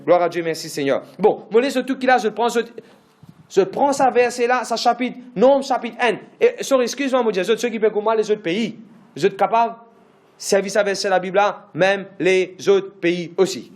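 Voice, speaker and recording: A man's voice: high voice, normal speed, reverberant. A man pastor, preaching a sermon emphatically with lots of repetition and English phrases mixed in.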